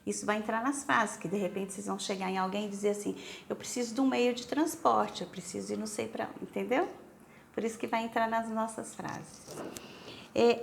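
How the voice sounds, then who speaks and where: A woman's voice: a little high, creaky, slight background noise. A Brazilian woman teaching English to senior students, speaking with a Brazilian Portuguese accent, patiently saying each word several times and asking the class to repeat.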